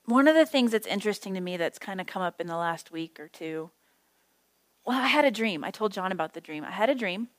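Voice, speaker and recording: A woman's voice: medium pitch, animated, a little fast, no room sound. A middle-aged woman teaching a small Bible study group in a chatty, self-deprecating way, telling stories with side remarks. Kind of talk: casual teaching talk. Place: small indoor group meeting.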